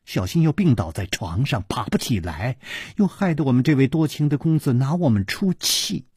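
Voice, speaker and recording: Playful young woman, pouting and teasing, husky tone, played by a man. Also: medium pitch, sing-song, normal speed, a little mellow, no room sound, clean studio sound, heavily acted.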